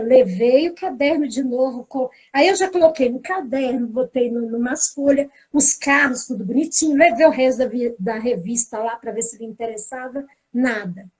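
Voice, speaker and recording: A woman teacher, casually telling a lively anecdote about a school day and acting out what people said. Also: sits high, husky. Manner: lively storytelling, acting out the dialogue. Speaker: teacher and pedagogical coordinator.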